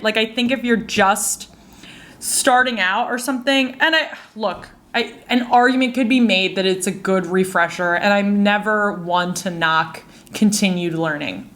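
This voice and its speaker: A woman in her twenties hosting a casual solo podcast. She tells stories in an animated, exasperated way and laughs often. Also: medium pitch. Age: 20s. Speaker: podcast host.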